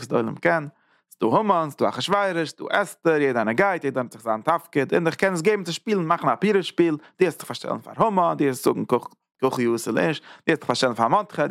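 A man teaching a religious class in a lively way, repeating phrases, asking rhetorical questions and jumping up in pitch to stress points. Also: vocal fry, no echo, clean studio sound. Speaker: Torah teacher giving a class.

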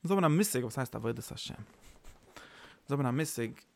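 A man's voice: medium pitch, expressive, brisk, gravelly, a little mellow. A man giving an informal, rambling sermon, mixing in English words. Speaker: preacher. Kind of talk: informal Yiddish-tinged sermon.

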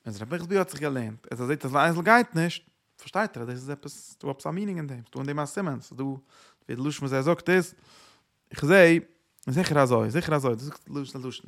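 Gravelly man. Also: medium pitch, expressive, fairly bright tone. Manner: halting, repeats himself, mixes in English words. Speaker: religious teacher. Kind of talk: informal religious teaching talk.

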